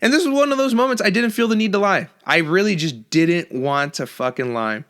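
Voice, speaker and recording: A man's voice: sits high, brisk, a bit bright. A young man hosting a solo podcast, ranting casually and profanely with lots of restarts. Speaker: podcast host.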